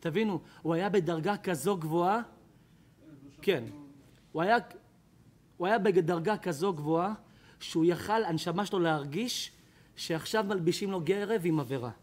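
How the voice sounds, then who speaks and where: High-pitched rabbi guy giving a lecture, animated storyteller, keeps calling out to people in the crowd. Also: pauses often. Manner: emphatic, animated storyteller who addresses listeners by name. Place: lecture before an audience.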